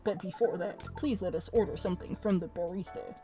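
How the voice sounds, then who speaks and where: Lady doing the funny astronaut alien voice, all muffled like in a spacesuit helmet, low and mellow, talks super formal. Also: faint music behind. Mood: calm formal. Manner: formal, measured, speaks as "we". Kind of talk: voicing a game character on stream.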